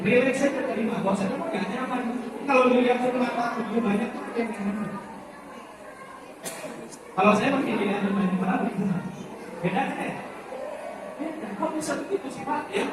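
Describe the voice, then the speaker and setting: A man giving an informal parenting talk to an audience of mothers, chatty and often asking the audience questions. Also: very high voice. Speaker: parenting seminar speaker. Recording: very echoey hall, distant voice, background noise.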